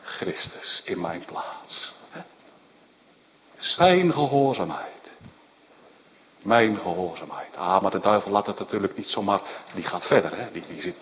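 A man's voice: lowish voice, normal speed. Preacher guy, voice swings all over, long church echo, kinda dull lo-fi sound. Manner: animated, rising to emphatic outbursts, frequent tag questions. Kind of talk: sermon. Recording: dull lo-fi recording in a reverberant hall with faint background noise.

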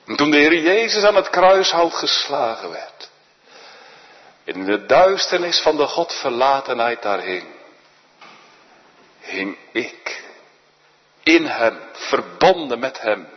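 A man preaching a sermon in a solemn, earnest manner, often dropping to a hushed voice. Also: medium pitch, sing-song, slow, long pauses. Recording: dull echoey church recording.

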